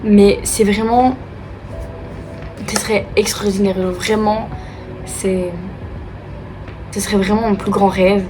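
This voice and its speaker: A woman's voice: mid-range voice, fairly even intonation, takes it slowly, pauses often, over music. A young woman from Liège with a Belgian French accent, casually answering viewer questions in a chatty, upbeat way, full of fillers. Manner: chatty and upbeat, many fillers like euh and du coup. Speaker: vlogger. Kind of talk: casual Q&A chat.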